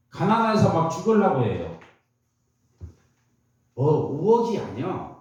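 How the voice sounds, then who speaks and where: A man's voice: mid-range voice, darkish tone. A man giving a motivational talk to an audience, telling stories and asking the crowd questions. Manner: storytelling, asks the audience questions. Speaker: motivational speaker. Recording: very echoey room, heard from a distance.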